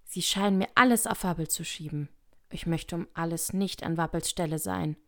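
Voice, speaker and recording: A woman's voice: on the low side, moderate pace, vocal fry, fairly bright tone. A woman voicing a curious young girl who thinks aloud to herself in an audiobook. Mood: musing. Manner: talking to herself. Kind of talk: audiobook reading.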